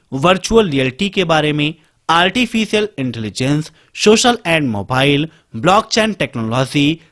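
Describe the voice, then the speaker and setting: Male computer tutor, high bright pitch, animated delivery, rattles off topics. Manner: brisk listing teacher addressing students directly. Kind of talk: screen-share exam prep lesson.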